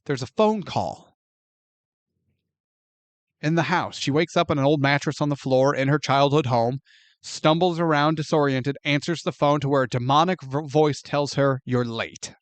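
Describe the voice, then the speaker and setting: A man co-hosting a movie podcast, retelling a plot with mounting disbelief and plenty of swearing. His voice sits fairly high. The sound is dry and close, with no room around it. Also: normal speed, no room sound. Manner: animated, profane, incredulous plot recap. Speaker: podcast co-host. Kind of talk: casual movie review chat.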